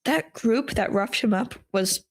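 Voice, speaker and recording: A woman with a fairly high voice hosts a casual film podcast. She talks in a chatty, enthusiastic way. She is recorded over a remote call. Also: lively intonation, measured pace. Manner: chatty, enthusiastic, laughs often. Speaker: podcast host.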